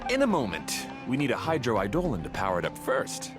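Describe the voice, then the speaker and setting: Animated, easygoing young technical guide. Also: male voice, mid-range voice, a little fast. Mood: reassuring. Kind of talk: video game voice acting. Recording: music behind the voice.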